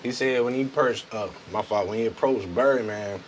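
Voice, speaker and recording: A man co-hosting a podcast, telling stories in a relaxed, measured way. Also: medium pitch, a crowd in the background. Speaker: podcast co-host. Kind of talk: casual chat. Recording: clear background noise.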